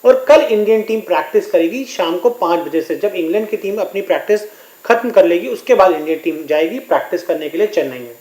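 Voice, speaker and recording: A man's voice: high-pitched, expressive, fairly quick, darkish tone, echoey room, poor audio. A man reporting as a sports correspondent in a news discussion, giving detailed explanations.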